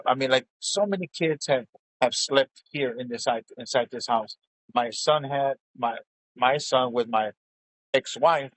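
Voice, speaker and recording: A man's voice: mid-range voice, fairly bright tone, poor audio. A middle-aged man in casual chat, telling stories bluntly and swearing freely. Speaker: show co-host.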